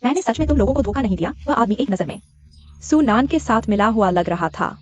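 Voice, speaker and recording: A woman's voice: on the high side, expressive, fast talker, darkish tone, lightly acted. An actress dubbing a frail, scheming young woman who pleads and plays the victim. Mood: pleading. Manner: pleading and self-pitying. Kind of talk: dubbed drama acting.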